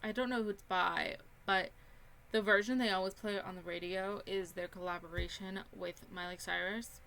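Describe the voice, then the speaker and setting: Here the young woman's voice is mid-range and bright, steady and forceful, moving at a moderate pace with some vocal fry. A Sims YouTuber, she casually tours her self-built house in the game, rambling on with many ums.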